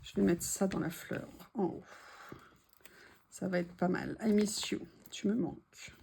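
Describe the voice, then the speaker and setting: A woman's voice: mid-range voice, steady tone, unhurried, creaky, mellow, slight background noise. A woman narrating her journal crafting casually, chatty and hesitant as she describes each step. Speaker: journaling vlogger.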